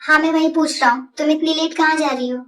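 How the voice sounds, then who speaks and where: A woman's voice: sits high, steady tone, quick pace. Woman voicing a jealous hot-tempered college guy. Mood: curt. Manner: angry, threatening. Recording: distant voice over loud music.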